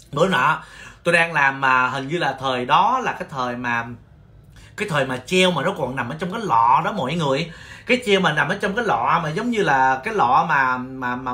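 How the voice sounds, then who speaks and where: A man from Vietnam who owns a nail salon, telling stories on his livestream in an animated, exclaiming way with mock-scolding rants. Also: on the high side, fairly quick. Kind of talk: casual storytelling livestream.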